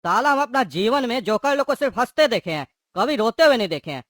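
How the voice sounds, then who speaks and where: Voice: medium pitch, sing-song, fast, fairly bright tone, dry recording, clean studio sound. A performer voicing a menacing male jail thug, boastful and bullying, in a comedy sketch. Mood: mocking. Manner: bullying, taunting, calls names.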